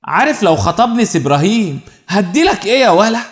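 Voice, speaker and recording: A man's voice: high voice, sing-song, fast talker. A man voicing a coy young bride, Egyptian accent. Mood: teasing. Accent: Egyptian Arabic.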